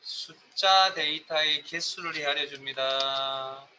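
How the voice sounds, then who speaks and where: A man teaching a spreadsheet lesson, walking through each step and putting questions to his students. His voice sits a little high and sounds bright and sharp. A faint hiss of room noise runs underneath. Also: slow, low-quality recording. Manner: explains step by step, quizzes students. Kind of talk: spreadsheet class lecture.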